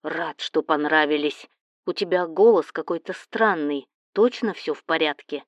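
A woman's voice: sits low, normal speed, dry recording, voice pushed down, close to an everyday voice. A woman voicing a worried, protective boyfriend. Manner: anxious, protective. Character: caring, worried new boyfriend, grown man.

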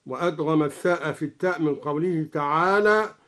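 A man explaining variant readings of scripture in a measured way, chanting each quoted verse in turn. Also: fairly high pitch, fairly bright tone. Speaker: Quran recitation scholar.

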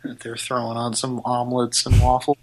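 A man's voice: mid-range voice, monotone, moderate pace, poor audio. A man hosting a prank call stream, chatting casually in a laid-back, wry way. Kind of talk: casual livestream chat.

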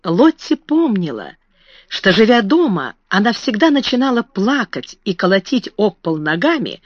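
A woman reads a story aloud with expressive storytelling. The recording is dry with a slightly dull, muffled tone. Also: medium pitch, normal speed, no echo. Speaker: audiobook narrator. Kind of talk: scripted narration.

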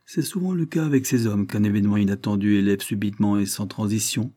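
A man's voice: on the low side, fast, warm tone, close to an everyday voice. A man voicing a fretful male country lawyer in an audiobook, exclamatory in tone.

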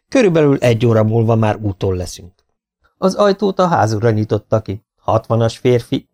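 A man reading a story aloud as an audiobook narrator, with a steady, even storytelling delivery. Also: fairly low pitch. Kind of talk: scripted narration.

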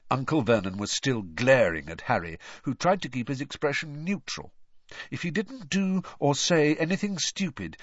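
A man's voice: medium pitch, no echo. A man reading an audiobook in scripted narration, telling the story expressively, in a dull, dry recording.

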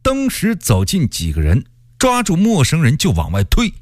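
A male storyteller giving an expressive radio reading of a historical novel. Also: on the high side, moderate pace, no room sound, clean studio sound. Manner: expressive, lively delivery.

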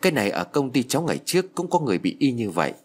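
A man's voice: mid-range voice, big pitch swings, racing. A man doing a matter-of-fact neighbor. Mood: explaining. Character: calm, knowing middle-aged man, the neighbor.

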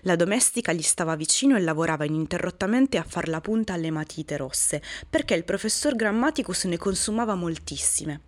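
A woman narrating children's stories aloud, calm and expressive. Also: fairly low pitch, brisk, few pauses. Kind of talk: storybook narration.

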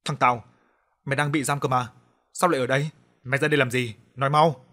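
A man's voice: mid-range voice, fairly quick, husky, natural voice. A man voicing a stern, commanding father. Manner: firm, stern.

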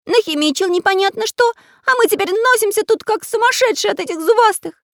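A woman voicing a cheeky, excitable magic pencil artist in a children's audiobook, in a shrill, excited manner. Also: a little fast, dry recording, clean studio sound. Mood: indignant.

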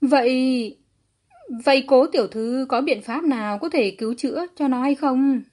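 A man's voice: extremely high pitch, moderate pace, darkish tone, pitched above the performer's own voice. A woman voicing an elderly grand elder, a desperate father who pleads in a shaky voice. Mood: pleading. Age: older.

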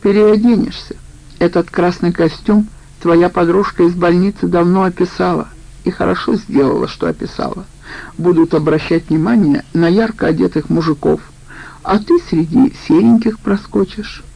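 A woman's voice: lowish voice, moderate pace, gravelly, dark tone, rough recording. A woman reading as a needling middle-aged woman. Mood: coaxing. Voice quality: mocking, needling. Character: sharp-tongued middle-aged female accomplice.

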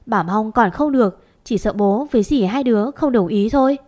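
A woman's voice: fairly high pitch, brisk, mellow, natural voice. A woman voicing an old grandmother who scolds fondly and gives homely advice. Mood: chiding.

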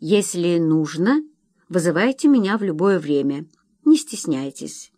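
A male audiobook reader voicing a calm, kindly local doctor who reassures a frightened wife. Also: on the high side, a little slow, exaggerated voice. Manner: reassuring, gentle. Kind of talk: audiobook narration with voiced quotes.

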